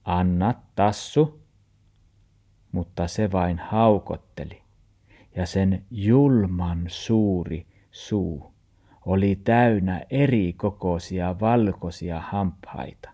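A man with a Meänkieli accent narrates a children's storybook in a calm, measured way. His voice is fairly low, with a dark, mellow tone. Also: lo-fi sound. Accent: Meänkieli (Tornedalen). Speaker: audiobook narrator. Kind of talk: children's audiobook reading.

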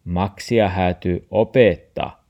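A man playing a calm, patient old grandfather in a storybook, speaking slowly and soothingly. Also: low-pitched, vocal fry, dull audio. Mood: reassuring. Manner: slow, soothing and reassuring.

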